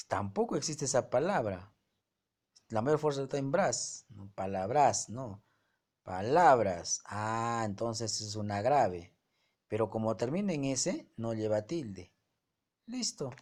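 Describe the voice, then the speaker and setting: A man's voice: mid-range voice, darkish tone. A male teacher explaining a grammar lesson to his students, often checking their understanding with rhetorical questions. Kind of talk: online class lesson.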